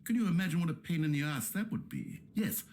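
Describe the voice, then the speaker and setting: A smug, all-knowing game narrator talks in a dry, mock-soothing tone. His pitch swings widely from low to high, drawing out words for ironic effect. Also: very animated, fast, darkish tone. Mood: sardonic. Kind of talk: scripted video game narration.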